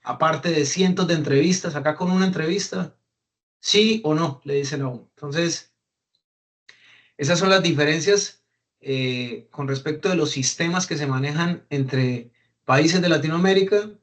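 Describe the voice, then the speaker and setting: A man's voice: a little high, normal speed. A man from Peru with a Peruvian Spanish accent, casually explaining, often repeating words as he searches for phrasing. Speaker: reliability engineer sharing migration experience.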